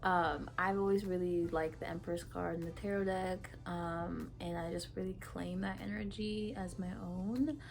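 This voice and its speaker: A woman's voice: lowish voice, steady tone, unhurried, creaky, hardly any pauses. A woman from Ethiopia giving a casual tarot reading to camera, talking frankly in a chatty way with many fillers. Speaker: tarot reader.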